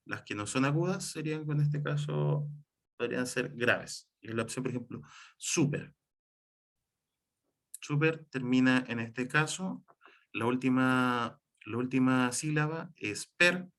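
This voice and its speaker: A man teaching a class, explaining each rule slowly with example words and frequent fillers. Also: medium pitch. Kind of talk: classroom lecture on writing and spelling.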